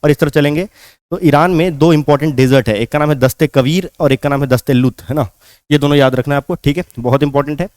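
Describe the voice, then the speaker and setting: Male teacher, slightly high voice, dry close recording, steady exam-prep explainer that keeps checking in with students. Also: fast, dry recording. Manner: repetitive, keeps asking if students follow. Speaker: geography teacher. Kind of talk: exam-prep map lesson.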